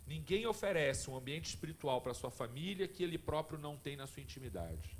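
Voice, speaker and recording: A man gives a talk to families, his voice a little high and full of rising and falling inflection. He mixes teaching with everyday anecdotes and keeps checking in with the listeners. A faint rumble sits under the recording. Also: brisk. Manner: lively, conversational, addresses the audience directly. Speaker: lecturer at a spiritist family course. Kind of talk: lecture with personal anecdotes.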